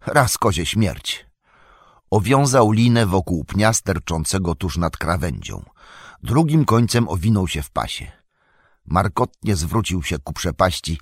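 A man narrating an audiobook in a measured, even storytelling manner. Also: sits low, husky, dry recording, clean studio sound.

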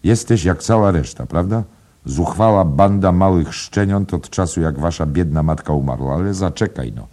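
Man doing a gruff, sardonic old father. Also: very deep voice, normal speed, warm tone, heavily acted. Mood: angry. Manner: scolding, sardonic. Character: gruff aging Irish father, bitter and mocking.

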